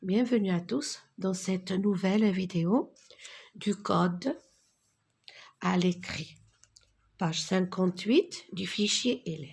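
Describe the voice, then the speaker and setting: A woman teaching a slow phonics lesson to young children, sounding out letters syllable by syllable and calling on pupils by name. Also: mid-range voice, vocal fry, a little mellow, breathy edge.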